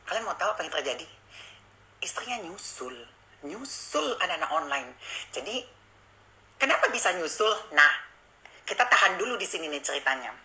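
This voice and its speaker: A woman chats straight to her online audience, confiding and animated. Her voice sits fairly low but leaps around in pitch. It has a sharp, forceful brightness. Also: moderate pace, pauses often, rough recording. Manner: chatty, confiding, addresses viewers directly; animated, swings between hushed and excited. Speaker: live streamer. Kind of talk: casual storytelling to a live audience.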